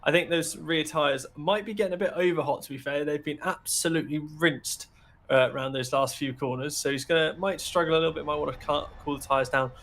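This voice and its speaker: A man's voice: fairly high pitch, steady tone, a little fast, a bit bright. A man doing color commentary on sim racing, chatty and joking in his analysis.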